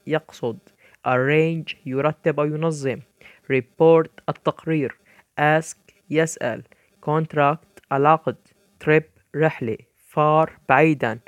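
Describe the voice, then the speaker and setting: A man reading English vocabulary words one by one, each followed by its Arabic translation, in a slow, deliberate dictating manner. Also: fairly high pitch, no echo. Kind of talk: vocabulary list read aloud with Arabic translations.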